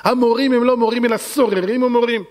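A man's voice: extremely high pitch, fairly even intonation, big-room sound. A man preaching a sermon as a rabbi, fervent and dramatic, acting out the voices he quotes.

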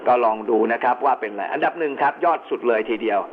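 A man at a mid-range pitch walks listeners through the structure of an emergency communications network, speaking politely and pausing on frequent hesitation sounds. His voice comes over a two-way radio link, squeezed into a thin, narrow band with a faint hiss beneath it. The delivery stays steady and instructive throughout. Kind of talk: explanatory lecture.

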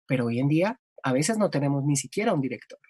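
Husky-voiced Colombian voice-over woman. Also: low voice, fast, dry recording, clean studio sound. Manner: reflective, explanatory, animated. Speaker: voice-over artist. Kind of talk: conversational interview.

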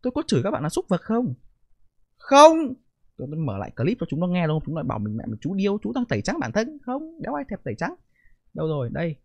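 A middle-aged man rants on his live stream, blunt and profane. He talks fast with a swooping, lively pitch. The sound is close and dry. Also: gravelly, breathy edge, dry recording, muffled recording. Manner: blunt, profane, defensive ranting. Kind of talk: live stream reaction commentary.

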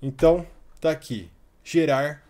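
A man, hosting a casual software tutorial and talking while he clicks through a website, with frequent fillers. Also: fairly high pitch, a little slow. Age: 30s. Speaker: tutorial host.

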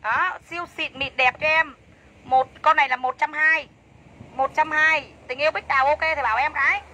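High bright-voiced woman selling live. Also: fairly even intonation, moderate pace, rough recording. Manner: chatty, enthusiastic sales pitch, repeats prices. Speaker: livestream clothing seller. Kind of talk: fast live-sale patter.

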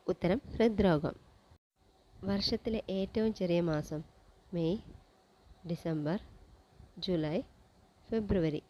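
A woman presenting a general-knowledge quiz, reading each question and its options in a measured, list-like way. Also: on the low side, warm tone, low-quality recording.

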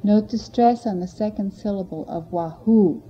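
A woman teacher giving clear, measured explanations of vowel sounds in a language lesson. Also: mid-range voice. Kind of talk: instructional narration. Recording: dull lo-fi recording with faint noise.

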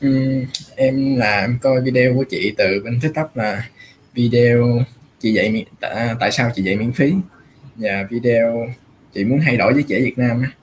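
A man joining a livestream chat, talking earnestly and rambling through fillers. His voice is mid-pitched, with faint noise behind it. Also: normal speed, poor audio. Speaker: volunteer team member.

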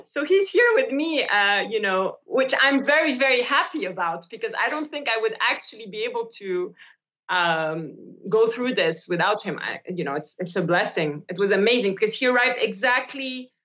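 A woman from Switzerland in her forties, an actress talking on a video call, pausing and repeating words as she thinks. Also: mid-range voice, animated, fairly bright tone. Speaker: actress guest. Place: bright room indoors by a window. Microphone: laptop camera on video call. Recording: dull lo-fi video call audio.

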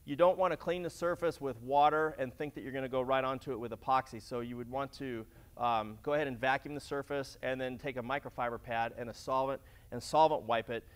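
On a large indoor warehouse floor, a middle-aged flooring demonstrator walks through a practical task, explaining as he works with lots of fillers and restarts. His voice is medium-pitched, steady, smooth, and a little fast.

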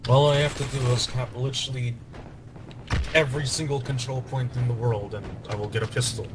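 A man's voice: mid-range voice, fairly even intonation, a little fast, noisy background. An American man chatting casually with his squad while playing, often trailing off and joking about his bad luck. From United States. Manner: rambling, self-mocking, trailing off mid-sentence. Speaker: gameplay commentator.

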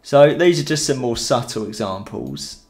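Animated and moderately paced, a young man with a medium-pitched, slightly mellow voice rambles chattily through a photography tutorial on a casual live stream, using many fillers. He's at home in a room, speaking into a headset mic, with soft background music.

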